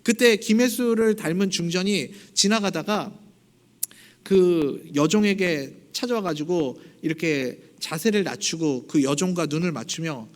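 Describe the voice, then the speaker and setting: A male pastor preaching in a church with a fairly high voice. He tells a story casually and talks directly to the congregation. He slips into voices when he acts out scenes. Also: a little slow. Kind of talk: sermon. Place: church sanctuary.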